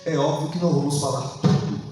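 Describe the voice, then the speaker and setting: A man's voice: a little high, steady tone, fast, a little mellow, distant mic, faint music behind. A man with a Brazilian Portuguese accent, preaching a Bible study sermon and asking his congregation questions. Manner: asks the congregation questions and prompts them to answer aloud. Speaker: pastor. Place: church hall. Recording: very echoey hall, voice from afar.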